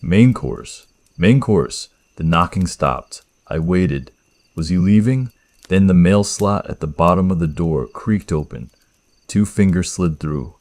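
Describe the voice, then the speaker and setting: A man narrating a first-person horror story in a tense, measured scripted style. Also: low-pitched, darkish tone, no echo.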